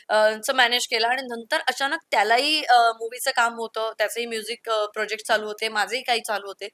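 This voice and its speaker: Interview guest: young woman from the Konkan, bright, slightly high voice, lively anecdotes, dry close sound. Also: no room sound. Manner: storytelling, lively with quoted asides. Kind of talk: candid conversational interview.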